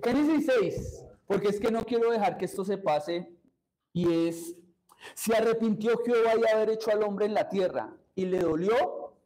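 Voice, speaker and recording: A man's voice: high voice, normal speed, dark tone, rough recording. A man, preaching a sermon as pastor and putting questions to the congregation.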